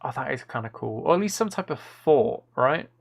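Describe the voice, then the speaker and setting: Speaking at a fairly quick clip in an expressive, medium-pitched voice, a man thinks aloud during casual livestream chat over gameplay, rambling with enthusiasm from one idea to the next. Background noise and keyboard clicking are audible in the otherwise clear audio.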